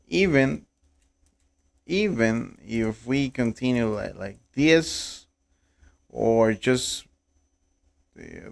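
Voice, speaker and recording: A young Costa Rican man who speaks Spanish natively, hosting a live trading stream in halting English, with many repeated words and restarts. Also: mid-range voice, gravelly. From Costa Rica. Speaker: livestream trading host. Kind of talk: casual live-stream chat.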